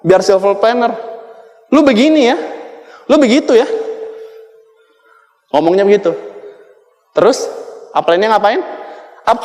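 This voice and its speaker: A man gives a motivational talk at a sales event and keeps firing rhetorical questions at the crowd. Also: a little high. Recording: echoey reverberant hall.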